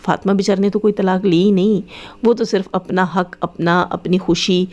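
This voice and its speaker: A woman's voice: mid-range voice, fairly even intonation, darkish tone, lo-fi sound. A woman giving a heated commentary rant, scolding and taunting the people she is talking about and addressing them directly. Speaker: vlogger commenting on other vloggers.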